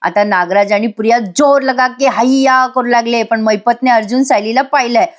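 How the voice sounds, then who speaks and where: Woman, voice-over episode reviewer; chatty, addresses viewers directly, slightly high voice. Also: normal speed. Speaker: TV serial reviewer.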